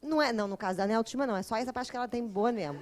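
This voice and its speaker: Woman, Brazilian accent, high voice, lively storytelling lecturer, informal class. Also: rapid-fire. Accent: Brazilian Portuguese. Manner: animated and humorous, acts out quoted voices. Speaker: lecturer of a spiritist psychology course.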